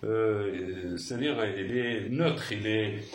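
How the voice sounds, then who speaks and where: Slow, patient man teaching in a roomy space. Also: on the low side. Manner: patient, repeats words, many hesitations. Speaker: Arabic teacher. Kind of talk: slow handwriting lesson. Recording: roomy, far from the mic, faint hiss.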